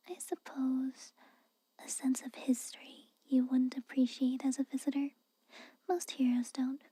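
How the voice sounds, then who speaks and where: In a fantasy ASMR roleplay, a woman voices a young tsundere castle maid, whispering close to the mic in a dry space with no room sound. Haughty and guarded, she scolds with reluctant care in a high, breathy, very mellow voice, slow and full of hesitant pauses, fully in character. The mood is grudging and reflective.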